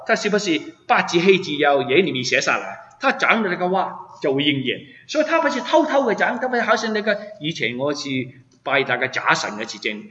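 A man's voice: a little high, sharp tone. A man preaching a sermon as pastor, emphatic and full of rhetorical questions to his listeners. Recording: echoey hall, dull sound.

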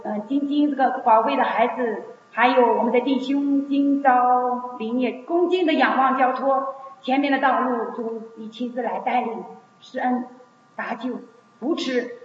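A hoarse woman leads a fervent prayer, her pleading phrases circling back again and again. Her voice sits a little high. It rings through a long, echoing hall on a dull, muffled recording. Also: fairly even intonation, a little slow, a little hiss or hum. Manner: repetitive, pleading cadence. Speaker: prayer leader. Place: church meeting room.

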